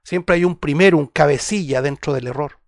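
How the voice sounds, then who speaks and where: Man, preacher, sermon, high-pitched, dry close sound, earnest scripture reading. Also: fairly quick, no echo. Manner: earnest, swings between loud emphasis and quiet asides; reads scripture aloud and addresses listeners as brothers.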